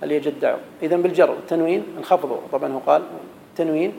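A man's voice: on the high side, rapid-fire, gravelly, mellow, long reverb tail, a little hiss or hum, poor audio. A man teaching an Arabic grammar lesson, quizzing his students and reciting verse. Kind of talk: classroom lesson.

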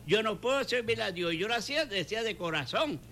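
A man's voice: sits high, lively intonation, fast talker, sharp tone, slight background noise. An older man with a Puerto Rican Spanish accent, a pastor giving a fervent testimony and repeating his phrases for emphasis. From Puerto Rico. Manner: fervent, repeats phrases, acts out quoted dialogue. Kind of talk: preaching testimony in a talk show.

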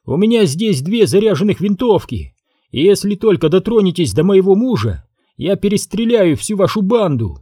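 A man's voice: high-pitched, sing-song, normal speed, few pauses, mellow, slightly rough, dry recording, clean studio sound, pitched above the performer's own voice, heavily acted. A man reading an audiobook, voicing a frontier farm wife who speaks in a hard, cold voice. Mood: defiant.

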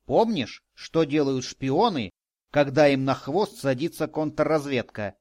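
A man voicing an eager, admiring young boy sidekick in an audiobook, speaking in excited exclamations. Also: on the high side, unhurried, dry recording, studio quality, lightly acted. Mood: sly.

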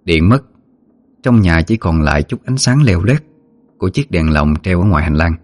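A man narrating a ghost story in a steady, measured way. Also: low voice, no echo. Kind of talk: scripted horror story narration.

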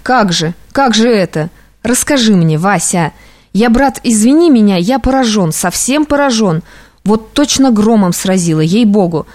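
A woman reading aloud, voicing an excitable, sentimental young man who exclaims and gushes. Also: mid-range voice, normal speed, natural voice. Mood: effusive. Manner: exclamatory, effusive. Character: young male clerk friend, excitable and sentimental.

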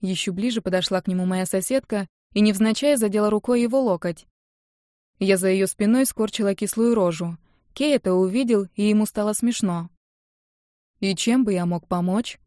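A woman narrating an audiobook in the first person, lively and expressive. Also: medium pitch, brisk, dry recording, studio quality. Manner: lively, indignant when quoting herself.

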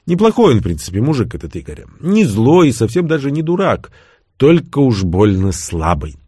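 A man narrating an audiobook as a lively, wry storyteller. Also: mid-range voice, moderate pace, breathy edge, no echo, clean studio sound. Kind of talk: scripted narration.

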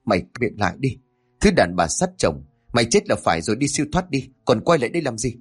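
A man's voice: medium pitch, sing-song, fast, breathy edge. A man voicing a scheming old woman, a fake shaman, with a trembling, scolding manner.

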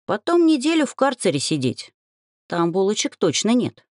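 A weary, grumbling young woman student from a fantasy storybook, voiced by a woman reader. She sounds glum and fed up, her pitch still moving widely. The recording is dry. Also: big pitch swings, moderate pace, a little mellow, no room sound.

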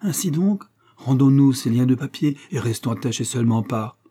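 A man voicing a flattering, scheming middle-aged fortune hunter in a storybook reading, with a gushing, wheedling delivery. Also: medium pitch, a little fast, husky.

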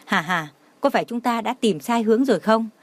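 Woman doing a protective guy calming a little kid, soft and soothing, storybook reading. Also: a little high, fairly quick, dry recording. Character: protective grown man, gentle and remorseful.

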